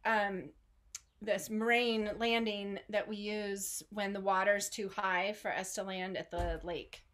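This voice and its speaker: A woman's voice: mid-range voice, level tone, slow, a bit bright. A woman hosting an online group, telling a story in a casual, rambling way full of fillers and small laughs, speaking into a video call microphone from home. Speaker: online art studio host.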